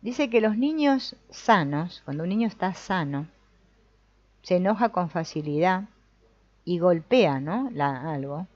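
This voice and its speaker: On the low side and darkish in tone, her animated voice takes its time as she leads a family constellations group. She reads from a book, comments reflectively, and often checks in with "no?" or "mm?". There's no room sound, and the audio is dull, dry, and lo-fi.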